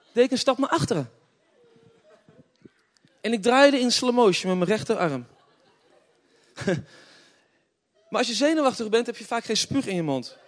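High-voiced preacher in a hall. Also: male voice. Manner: storytelling with laughter, swinging between hushed and loud. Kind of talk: humorous testimony sermon. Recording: long hall reverb.

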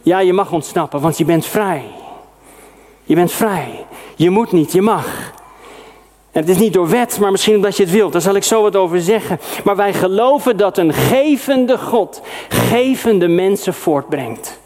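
A middle-aged male preacher from the Netherlands with a fairly high voice. He delivers his sermon in a lively, personal way, with sudden emphatic exclamations. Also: a little slow. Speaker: pastor.

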